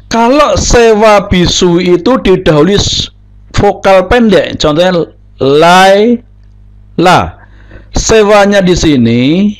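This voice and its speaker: A man teaching Hebrew pronunciation rules, deliberately repeating each example word. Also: on the high side, low-quality recording.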